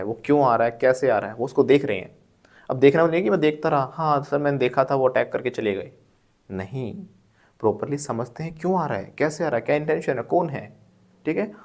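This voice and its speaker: A man's voice: mid-range voice, a little mellow. A man with an Indian accent teaching English word use in a lesson, explaining step by step, repeating words to drill them and asking checking questions.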